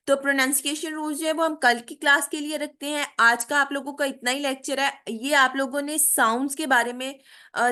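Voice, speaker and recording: A woman teaching a spoken English lesson in Hindi, enunciating English example words slowly and often asking "theek hai?". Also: high voice, sharp tone. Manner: frequent "theek hai?" check-ins and "uh" fillers. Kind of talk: online spoken English lecture.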